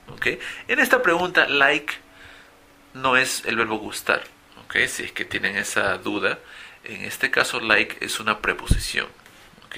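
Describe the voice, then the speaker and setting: Gravelly, bright-voiced teacher. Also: male voice, medium pitch. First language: Spanish. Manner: models English phrases slowly and loudly, often asks "¿ok?". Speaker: English teacher. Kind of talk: recorded vocabulary lesson.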